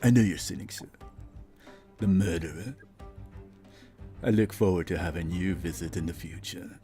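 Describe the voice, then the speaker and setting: A man's voice: deep voice, warm tone, soft background music, lightly acted. A man voicing a gloating devil in a tabletop game, drawing out his words with smug mockery. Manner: drawn-out, mocking, smug. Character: gloating, taunting male devil who relishes suffering.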